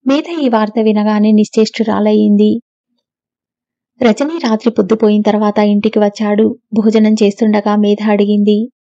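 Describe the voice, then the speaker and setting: A woman narrating a novel as an audiobook, in steady, even storytelling. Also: medium pitch, normal speed, no echo. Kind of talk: scripted narration. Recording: dull, dry lo-fi recording.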